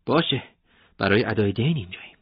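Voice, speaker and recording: A cautious, protective fighter who speaks firmly and evenly, as a man narrating puts him on. His voice is low and husky. The recording sounds dull. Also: animated, no echo.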